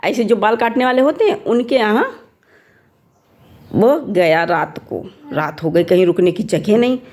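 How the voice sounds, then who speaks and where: A woman storyteller telling a folk tale to children, often pausing to ask her listeners questions. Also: medium pitch, expressive, a little mellow. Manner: asks listeners questions as she tells.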